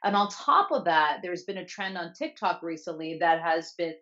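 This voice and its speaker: A woman's voice: lowish voice, animated, moderate pace, a bit bright, highs cut off. A woman co-hosting a casual chat show from Canada, chatty and often correcting herself. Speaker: co-host.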